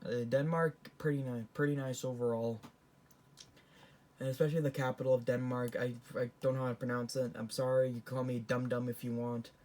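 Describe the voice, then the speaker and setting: A man's voice: mid-range voice, flat delivery, brisk, a little mellow. Teen male, casual rambling vlogger, lots of false starts. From Canada. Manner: rambling, with frequent restarts and self-corrections. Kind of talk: casual tier-list commentary.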